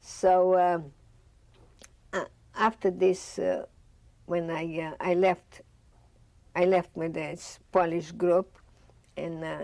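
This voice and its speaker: Recalling her life for an oral history, an older woman from Bessarabia acts out remembered dialogue in her Russian accent while seated in a studio before a dark curtain. Her fairly low voice has vocal fry and is a little mellow, with no room sound.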